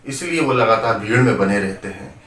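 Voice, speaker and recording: A man's voice: fairly low pitch, expressive, a little fast, a bit bright. A man telling a motivational devotional story in a conversational way, often addressing his listeners as friends. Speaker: spiritual storyteller. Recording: roomy, distant from the mic.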